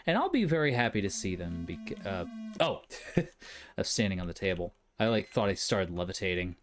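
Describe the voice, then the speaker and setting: Low-pitched male let's player, joking and muttering his way through a game. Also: moderate pace. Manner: jokey, mutters to himself while playing. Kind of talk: casual gameplay commentary.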